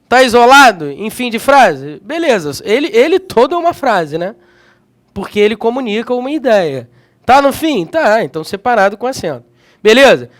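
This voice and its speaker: A man leads a grammar lesson for exam prep in a strikingly high voice. His pitch rises and falls all the time as he talks, keeping the delivery energetic. He keeps checking in with his students as he goes. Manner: energetic, checks in often with slangy tags. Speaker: grammar teacher.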